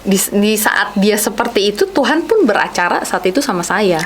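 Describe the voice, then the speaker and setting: A woman's voice: mid-range voice, big pitch swings, normal speed, slight background noise. A woman, a podcast guest, telling her personal testimony with some laughter. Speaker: podcast guest, his wife.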